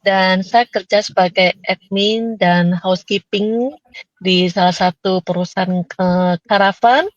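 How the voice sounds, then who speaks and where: A woman, a mother, introducing herself in a measured way on an online talk, mixing English words, over a video call. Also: medium pitch, fairly even intonation, dry recording. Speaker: guest panelist. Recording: dull, dry lo-fi call audio.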